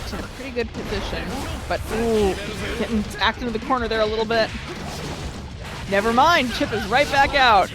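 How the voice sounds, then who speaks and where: Casual esports color commentator, mid pitch, relaxed chatter over music. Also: moderate pace, rough recording. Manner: chatty, laughs easily, says "like" and "you know". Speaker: tournament co-commentator.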